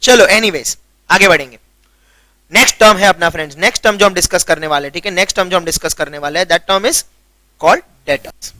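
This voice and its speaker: A man's voice: high voice, fairly quick, sharp tone, no room sound. A young man with a Gujarati accent, a commerce tutor giving a chatty classroom lecture and often checking that students understand. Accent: Gujarati-accented Hindi. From Gujarat, India. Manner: chatty, keeps checking understanding, mixes English terms.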